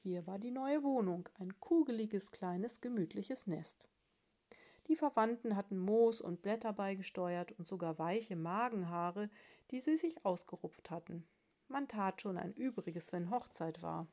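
A woman reading a storybook aloud in a calm, even narration. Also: medium pitch, unhurried.

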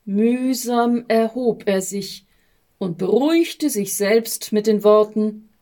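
A woman narrating a storybook in a measured reading. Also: medium pitch, dark tone.

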